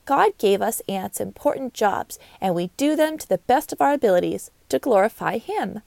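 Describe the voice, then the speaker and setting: A woman voicing a strong, busy female worker ant in a storybook, brisk and matter-of-fact. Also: fairly high pitch, animated, gravelly, darkish tone, no echo. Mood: proud.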